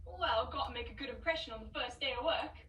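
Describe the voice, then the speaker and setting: Cheeky male Cockney street clown played by a woman, high bright voice, heard from afar on an echoey stage. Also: quick pace, distant mic. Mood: chatty. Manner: rhyming, chatty, boastful. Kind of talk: stage play acting.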